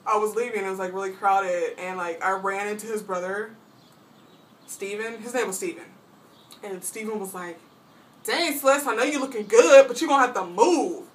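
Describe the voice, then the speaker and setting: A young woman vlogging from home, telling a long rambling story and saying "like" constantly. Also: fairly bright tone. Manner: rambling, says "like" constantly, mimics friends in high voices. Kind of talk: casual storytelling. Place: at home, painting her toenails. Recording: distant mic, faint background hiss.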